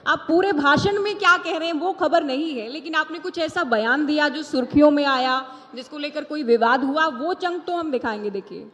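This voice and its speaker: Young lady interviewer, keeps pushing her questions, highish voice, echoey big hall. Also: fairly quick, hardly any pauses, sharp tone, highs cut off. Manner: persistent, pointed questioning. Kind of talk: live on-stage interview. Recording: long hall reverb.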